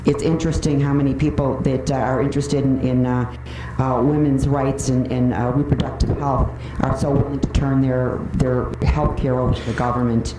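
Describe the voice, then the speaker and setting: Her voice is a bass, her tone level, and she talks at normal speed with few pauses as she gives a prepared comment at a public meeting. She comes across as earnest and pointed. A distant microphone in the indoor room leaves the audio roomy, noisy, and full of clicks.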